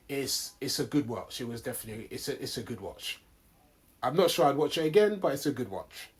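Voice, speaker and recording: A man with a London roadman accent hosts a casual film review. His pitch sits in the middle, and he talks in loose urban slang, as if chatting with a friend. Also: breathy edge. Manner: slangy, with bruv and man dem. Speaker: podcast co-host reviewing films.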